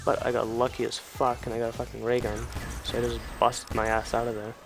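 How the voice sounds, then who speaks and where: A man's voice: mid-range voice, completely flat delivery, fairly quick, vocal fry, over music. A teenage boy giving casual, rambling gameplay commentary at home at night, swearing freely as he chats into his mic. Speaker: gamer. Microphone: desk or headset mic. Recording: game gunfire noise loud underneath. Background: video game gunfire and ambience.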